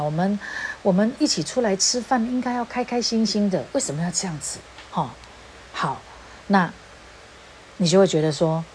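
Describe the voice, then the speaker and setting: A woman's voice: mid-range voice, warm tone, a little hiss or hum. A woman with a Taiwanese accent giving an informal talk, slipping Hokkien phrases into her Mandarin. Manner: mixes Hokkien phrases into Mandarin, acts out quoted speech. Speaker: speaker on relationships. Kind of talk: informal lecture.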